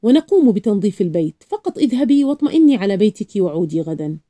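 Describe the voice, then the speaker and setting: A woman's voice: mid-range voice, very animated, fast talker, mellow, no room sound, studio quality, natural voice. A woman voicing a kind male neighbor who sells hats, read from a storybook. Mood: kindly. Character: kindly male neighbor, a hat seller.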